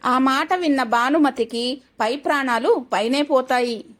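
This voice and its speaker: Woman storyteller reading a family tale, high voice. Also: unhurried. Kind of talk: scripted story narration.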